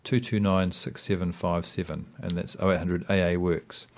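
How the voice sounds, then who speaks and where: Low-voiced New Zealand man, hesitant and reflective. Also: steady tone, normal speed, darkish tone. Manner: hesitant, rambling, reflective, with frequent "you know" and "I mean". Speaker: interview guest. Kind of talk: casual personal interview.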